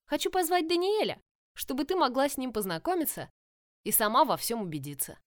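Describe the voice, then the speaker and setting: In an audiobook, a woman voices an impulsive, headstrong young woman in love, speaking insistently in a raised, higher voice. Her delivery is expressive and fairly quick, and the recording is dry, with clean studio sound.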